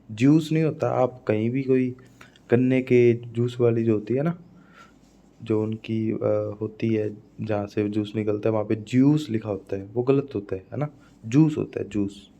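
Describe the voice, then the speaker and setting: A man's voice: mid-range voice, dark tone. Hindi-speaking man teaching phonetics. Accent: Rajasthani Hindi. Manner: explains by repeating words and asking "है ना". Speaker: English teacher. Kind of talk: exam-prep phonetics lesson.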